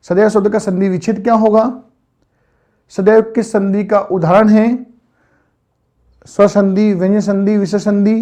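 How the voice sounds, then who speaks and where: A man with a high voice teaches an online grammar lesson. He quizzes his students again and again and answers each question himself, patient and methodical. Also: warm tone.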